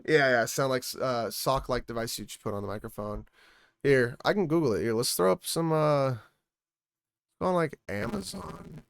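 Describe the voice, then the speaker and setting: A man's voice: mid-range voice, moderate pace, gravelly, clean tone, dry recording. A man chatting casually on his stream at home into a music microphone, rambling and trailing off mid-thought. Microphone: studio music microphone.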